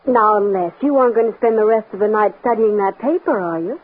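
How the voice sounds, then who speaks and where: An actress playing a practical, persuasive young fiancée with an American accent in an old-time radio drama. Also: female voice, mid-range voice, fairly quick, husky, narrow, tinny audio, natural voice. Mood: doubting, teasing. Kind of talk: mid-century American radio drama acting. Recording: scratchy, band-limited old radio recording with noise.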